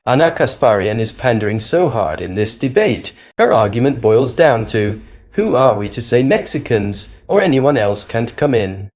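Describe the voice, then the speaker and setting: A man reads a scripted commentary voice-over in a declamatory, opinionated way. His delivery is animated, rising and falling throughout. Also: mid-range voice, normal speed, a little hiss or hum. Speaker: commentary narrator.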